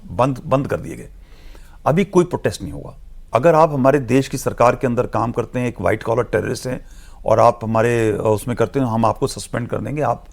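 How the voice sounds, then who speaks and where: A man with a gravelly, creaky voice holds forth as a guest analyst on a televised discussion. He explains point by point in a measured, lecturing manner, now and then switching into English phrases. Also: mid-range voice, a little mellow.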